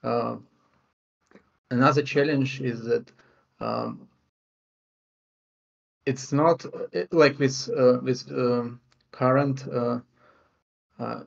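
Gravelly man on a muffled call. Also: medium pitch, darkish tone. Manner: hesitant, many "uh" fillers and restarts. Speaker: panelist, vector database engineer. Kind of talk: technical panel discussion over video call. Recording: dull video-call audio.

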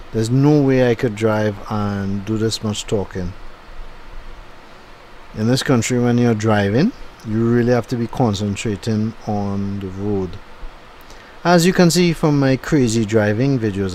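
A middle-aged YouTube channel host rambles through casual voice-over commentary on his own driving video, thinking aloud with fillers, recorded at home after the drive. His voice is lowish and dark-toned, with a little hiss or hum.

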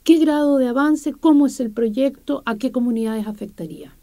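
A woman interviewing guests in a small radio studio, asking measured, formal questions. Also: high voice, mellow. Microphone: studio table mic.

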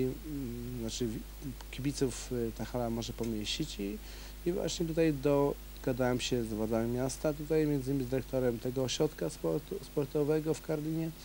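A man, a kickboxing coach and organizer, answering questions in a local TV interview, pausing often with fillers. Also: mid-range voice, mellow, a little hiss or hum, rough recording. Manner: hesitant, many fillers.

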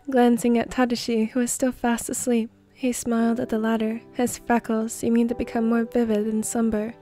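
A woman reads a fan fiction story aloud in a soft, steady voice. Her pitch sits a little high but barely moves. The tone is mellow, over faint background music. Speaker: narrator.

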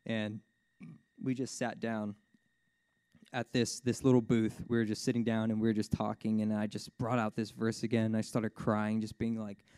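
At a church service, a worship speaker shares a sermon testimony as a lively, casual story, his voice jumping high whenever things get exciting. He sounds mellow, warm and clean at a moderate pace, recorded close and dry, and he laughs often while filling his speech with easygoing "like" and "you know."

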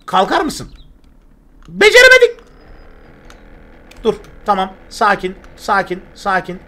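A young man with a Turkish accent streams a survival game live, his bright, high voice swinging widely in pitch. He chats with viewers and breaks into excitable, repeated yelps whenever things go wrong. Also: moderate pace. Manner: excitable, yelps and repeats words when panicking. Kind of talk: live gameplay commentary.

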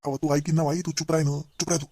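A man acting in a comedy sketch, talking in an excitable, agitated way. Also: a little high, a little hiss or hum. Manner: excitable, agitated, rapid-fire scolding and pleading.

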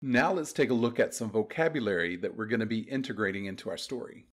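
A man teaching a beginners' language class, giving clear, patient step-by-step directions in a scripted voice-over. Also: lowish voice, quick pace. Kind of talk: scripted instructional narration.

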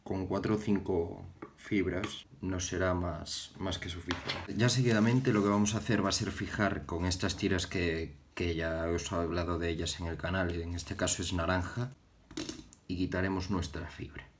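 Young man from Galicia, very low voice, halting casual fly-tying tutorial with faint room hum. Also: fairly even intonation. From Galicia, Spain. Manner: halting, repeats words while working with his hands. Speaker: fly-tying channel host. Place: indoors at a tying bench.

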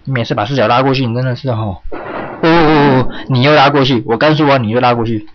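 A young man narrates a horror game, his voice at an average pitch. He startles easily, yelps and swears at the screen. The home recording sounds a little dull, with faint hiss underneath. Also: fairly even intonation, fast talker. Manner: jumpy, yelps and curses at the game. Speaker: game streamer. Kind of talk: horror game let's play commentary.

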